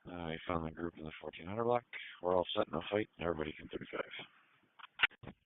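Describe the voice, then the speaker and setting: A man's voice: low-pitched, fairly quick. A man, a K9 police officer, giving a brief, matter-of-fact report over a police radio. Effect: police radio transmission. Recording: tinny radio with static.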